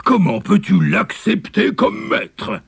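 A man's voice: sits high, very animated, takes it slowly, vocal fry, slightly rough, no echo, clean studio sound, heavily acted. A man voicing a sly, greedy tiger in a storybook, purring and scheming as he talks. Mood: mocking. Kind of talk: storybook character voice.

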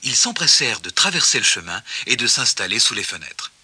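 Bright, lively male storyteller. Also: mid-range voice, fairly quick, breathy edge, no echo. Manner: expressive, gently paced narration. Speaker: narrator. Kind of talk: children's storybook reading.

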